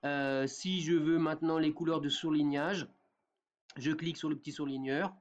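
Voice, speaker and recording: Man walking through a software tutorial. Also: on the high side, fairly even intonation, moderate pace, lo-fi sound. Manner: talks step by step with many fillers and a repeated "d'accord?". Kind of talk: screen-recorded software tutorial.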